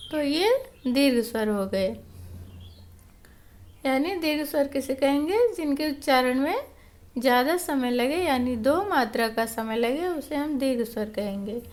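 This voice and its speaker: A woman's voice: high-pitched, measured pace. A woman teaching a lesson, explaining patiently and repeating each point with examples.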